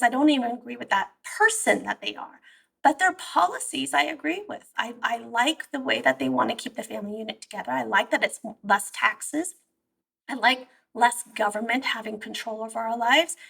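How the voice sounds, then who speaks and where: A woman's voice: high-pitched, vocal fry, fairly bright tone, breathy edge, far from the mic, poor audio. A woman, born abroad and raised in California, speaking earnestly and emphatically as an interview guest, often restarting her sentences. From born in Iran, raised in the San Francisco Bay Area. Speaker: guest therapist. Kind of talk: conversational interview.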